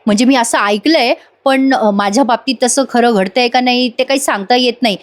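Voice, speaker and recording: A guarded older prisoner, voiced by a woman speaks in a careful, measured way. There is little change from the reader's own voice. He is a character in a retold television serial. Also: on the high side, close to an everyday voice. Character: older male prisoner, scheming.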